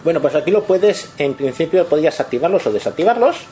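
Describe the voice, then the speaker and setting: A man's voice: fairly high pitch, big pitch swings, quick pace, dark tone, slight background noise. A man presenting at a user meetup, explaining phone accessibility settings step by step. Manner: explanatory, walks listeners through each step. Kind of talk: live software demonstration.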